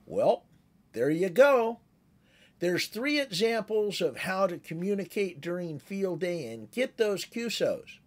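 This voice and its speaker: A man in his sixties presents an amateur radio tutorial in a high voice with big pitch swings, never rushing. He explains conversationally and instructively, demonstrating radio calls along the way.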